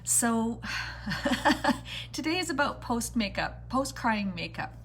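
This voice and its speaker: A woman's voice: on the low side, normal speed, a bit bright, a little hiss or hum. A woman hosting a live beauty vlog, talking casually and directly to her viewers as she does her makeup. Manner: chatty, addressing viewers directly with greetings and endearments. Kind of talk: casual livestream chat while doing makeup.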